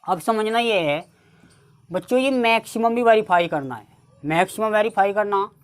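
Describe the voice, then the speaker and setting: A woman's voice: medium pitch, clear, resonant tone, soft background music. A woman with a North Indian accent teaching a maths lesson step by step, often addressing her students as children. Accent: Hindi-speaking North Indian. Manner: keeps addressing the class as "children", repeats steps slowly.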